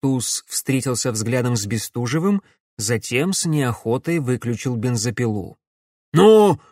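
A man with a medium-pitched voice narrates an audiobook from a script, keeping an even, measured storytelling pace. The studio recording is clean, with no room sound.

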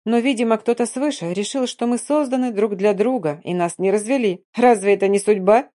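A woman's voice: medium pitch, dark tone, natural voice. A woman voicing a chatty, pushy young wife who rattles on in an audiobook. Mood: gushing. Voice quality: rapid chatter.

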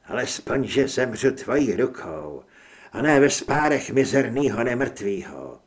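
A weary monster hunter speaks in a tired, resigned tone in an audiobook, with a male narrator voicing him. His words come plain and gruff, without hurry. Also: mid-range voice, big pitch swings.

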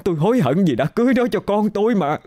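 A man's voice: high voice, animated, fast, dark tone, pitched above the performer's own voice. A man voicing a hysterical older woman who wails and blames others in a told ghost story. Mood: frantic wailing. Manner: wailing, frantic lament.

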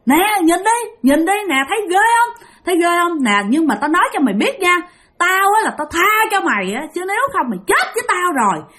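A woman voicing a vengeful female demon who jeers and menaces in a raised, shrill voice. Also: big pitch swings, a little fast, sharp tone, heavily acted. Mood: taunting. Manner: taunting, menacing, repetitive jeering. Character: vengeful female demon, killed by a bomb, taunting.

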